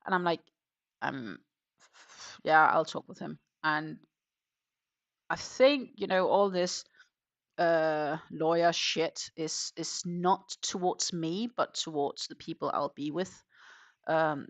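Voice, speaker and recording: Her voice is deep, creaky and a bit bright, captured with no echo. She hosts a crochet livestream, chatting in a rambling way full of ums and half-muttering her stitches as she goes.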